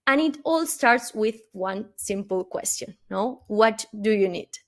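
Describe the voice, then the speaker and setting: With a medium pitch, lively intonation and a measured pace, an Argentine woman presents a sincere webinar keynote in English. She is a native Spanish speaker with an Argentine accent, and her talk is peppered with "uh" and inquiring "no?"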